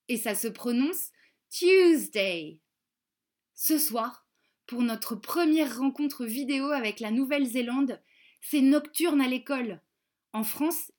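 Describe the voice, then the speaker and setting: A woman narrating a children's story in a slow, clearly articulated reading voice. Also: high voice, a little mellow.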